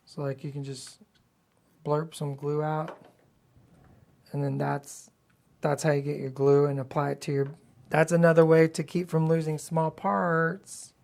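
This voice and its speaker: A woman with a gravelly, slightly worn-out voice, hosting a livestream in casual, blunt, playfully sassy hobby chat. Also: deep voice, flat delivery, unhurried, long pauses, darkish tone. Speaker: livestream host.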